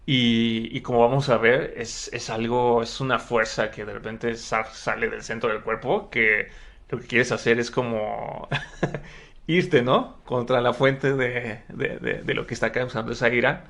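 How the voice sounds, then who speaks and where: A man's voice: medium pitch, steady tone, a little slow, gravelly, fairly bright tone. A man hosting a psychology podcast, explaining research in a chatty way, with frequent tag questions and repeated words. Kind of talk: casual conversational podcast.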